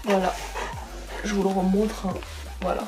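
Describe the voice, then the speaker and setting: A young woman chatting casually as she unboxes a monthly pet box, chatty and full of fillers and excited asides. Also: mid-range voice, moderate pace, over music. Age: young adult.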